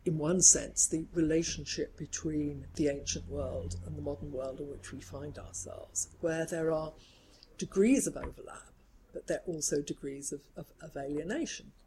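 A woman scholar talking in a measured, reflective way, building long careful sentences in an academic discussion. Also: deep voice, dark tone, poor audio. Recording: faint background noise.

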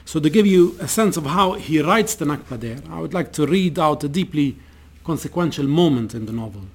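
Reading novel passages aloud during an academic lecture, this man speaks with a fairly high, expressive voice. His delivery is measured and deliberate, with the occasional restart.

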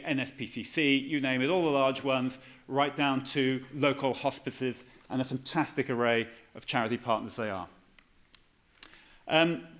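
A British man giving a polite, conversational presentation to an audience in a measured, explanatory way. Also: fairly high pitch, fairly bright tone. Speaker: guest presenter.

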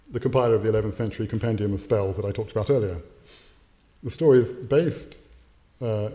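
A man giving an academic lecture and reading a story aloud, speaking in a measured way with occasional hesitations and self-corrections. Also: on the low side, mellow, dull audio.

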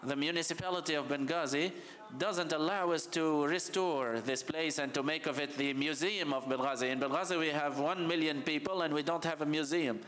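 A man from Libya gives a conference talk with slides, speaking passionately and urgently, halting often with fillers. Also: fairly high pitch, fairly even intonation, fairly bright tone. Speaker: heritage official presenting.

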